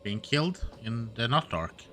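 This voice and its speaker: A man's voice: mid-range voice, sing-song, a little slow, fairly bright tone, soft background music. A male streamer giving live commentary on a game and muttering to himself while he plays.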